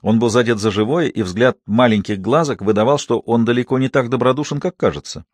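A man reading a novel aloud as scripted narration, expressive and animated. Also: a little fast, no echo. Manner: expressive reading, rising pitch for quoted speech. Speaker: audiobook reader.

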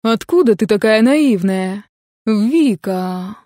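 A woman's voice: mid-range voice, lively intonation, slow pace, dark tone, no echo, clean studio sound. A woman voicing a mocking, know-it-all young man in an audiobook, speaking in a teasing, amused way.

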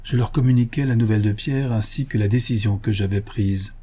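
A man narrating a classic novel in a measured, expressive first-person reading. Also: fairly low pitch, husky. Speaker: audiobook narrator. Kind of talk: literary audiobook narration.

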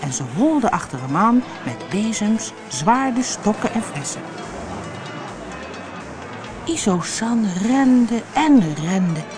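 A woman from the Netherlands reading a children's fairy tale aloud with expressive storytelling. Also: medium pitch. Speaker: narrator.

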